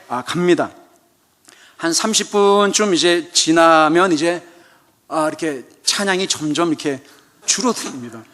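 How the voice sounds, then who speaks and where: A man's voice: sits high, fairly bright tone. A man preaching a sermon as a missionary, telling a story and acting out church members' chatter with humor. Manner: humorous, asks the audience "그죠?". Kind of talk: sermon at an evening church service. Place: church sanctuary.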